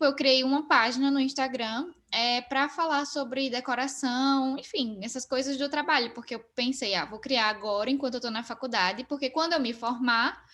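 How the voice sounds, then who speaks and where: Chatty woman, fairly high. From Northeast Brazil. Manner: relaxed, talkative, frequent fillers. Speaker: guest. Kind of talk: casual interview chat.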